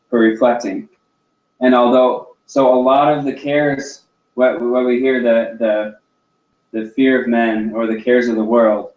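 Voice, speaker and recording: A man's voice: medium pitch, a little mellow. A man hosting a talk show, speaking earnestly and reflectively, often restarting his sentences as he searches for the right words. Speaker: podcast host. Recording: roomy, distant, dull lo-fi sound.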